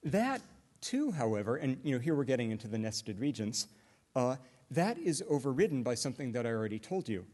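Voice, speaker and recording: Very animated yet hesitant, a middle-aged man presents at an academic conference on linguistics in a medium-pitched, darkish voice. He explains his examples one step at a time, frequently pausing on "uh" and starting over.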